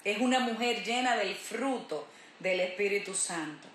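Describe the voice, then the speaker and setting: A woman's voice: medium pitch, animated, unhurried, a bit bright, slight background noise. A woman pastor preaching a sermon in an emphatic way, repeating her key phrases. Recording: roomy echo.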